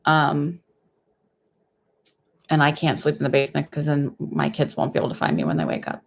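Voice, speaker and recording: A woman with a slightly low voice and a lisp that whistles on the s, touched by a mild cold. She talks in a casual, rambling way as a psychic medium on a livestream, keeping her volume down and pausing to find her words. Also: sing-song, creaky, a little hiss or hum. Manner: hesitant, rambling, conversational; speaking somewhat quietly. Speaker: psychic medium host giving live readings.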